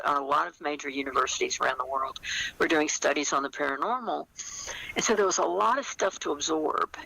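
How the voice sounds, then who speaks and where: An older woman, appearing as an interview guest, talks conversationally about her work as a writer in a thoughtful, halting way. Her deep voice carries vocal fry and sounds pushed and bright, and the audio is poor.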